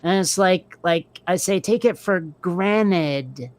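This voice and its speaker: A Vermont woman with a faint New England accent co-hosts a podcast, chatting casually and peppering her talk with "like" and asides. Her voice is low-ish, slow, and darkish.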